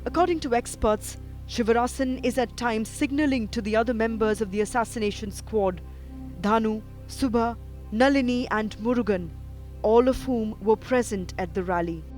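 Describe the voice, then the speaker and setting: A man reading a scripted news documentary narration in a measured, even way. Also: sits high. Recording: voice-over with music behind.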